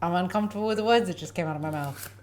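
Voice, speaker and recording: A woman's voice: lowish voice, racing, a little mellow, soft background music. A woman hosting a casual comic cooking demonstration in a giggly, tipsy ramble, full of silly wordplay and self-mockery. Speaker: cooking show host.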